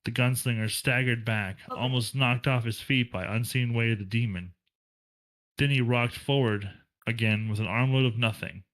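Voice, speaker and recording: A man reading a novel aloud for a book club, in a plain, steady delivery with occasional slips and restarts. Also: mid-range voice, normal speed, poor audio.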